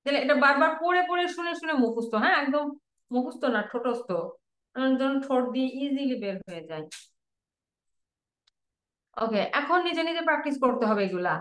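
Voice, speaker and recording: A woman teaching a Quranic Arabic lesson online with a Bangladeshi Bengali accent, drilling word forms and repeating them slowly for students. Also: sits high, lively intonation, fairly bright tone, echoey room.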